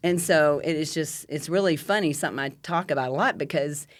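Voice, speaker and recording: A woman's voice: low-pitched, fairly quick, slight background noise. An older woman, the host's mother, telling stories in a casual podcast chat and laughing often. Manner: chatty storyteller, laughs often, many fillers.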